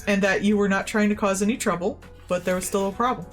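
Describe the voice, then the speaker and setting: A woman's voice: medium pitch, fairly even intonation, quick pace, faint music behind. A woman in casual chat, playful and teasing. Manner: playful, teasing, laughs easily.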